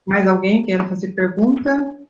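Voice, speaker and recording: A woman's voice: mid-range voice, normal speed, a little mellow. A woman moderates the question session, politely acknowledging the answers and inviting more questions. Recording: roomy, dull lo-fi sound.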